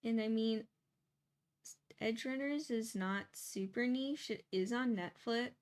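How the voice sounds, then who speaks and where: Painting as she talks, a young woman chats casually and a bit sleepily, rambling and laughing a lot. Her voice is fairly high and her pace a little slow.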